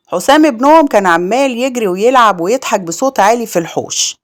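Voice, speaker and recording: A woman with an Egyptian accent narrating a dramatic village crime story in a steady, grave manner. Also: medium pitch.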